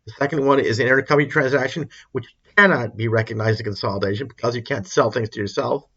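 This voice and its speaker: An accounting instructor gives an informal lecture explaining a worked example, repeating and rephrasing points for emphasis. His medium-pitched voice is quick, bright, forceful and husky, though the recording is muffled.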